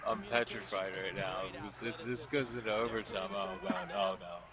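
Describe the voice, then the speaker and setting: A young man playing a football video game, chatting excitedly and nervously. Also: on the low side, normal speed, over a noisy crowd, poor audio. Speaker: gamer. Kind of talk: casual gaming banter.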